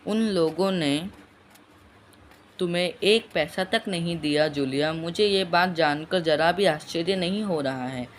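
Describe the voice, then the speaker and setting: A man reading aloud as a stern male employer who speaks with loud, raised emphasis. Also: on the high side, a little slow, a little hiss or hum, lightly acted. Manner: louder, raised, emphatic delivery. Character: stern male employer, mocking then lecturing.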